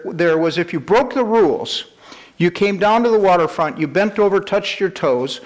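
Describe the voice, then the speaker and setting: A man preaching a sermon, earnest and storytelling, slowing down for emphasis. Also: fairly high pitch.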